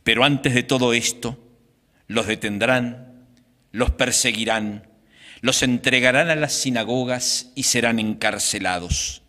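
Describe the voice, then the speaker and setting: A man in his sixties, a priest, reading the Gospel and preaching at Mass in a slow, deliberate liturgical manner. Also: medium pitch, bright, forceful tone. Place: small chapel, indoors. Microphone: microphone on a stand in front of him. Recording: reverberant chapel sound.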